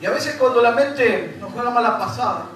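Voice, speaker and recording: A very high, animated, slightly bright voice belongs to a Uruguayan man preaching as pastor with a Rioplatense Spanish accent. He talks briskly, repeats phrases with mounting emphasis, and speaks straight to the congregation, recorded from afar in an echoey church hall with music behind.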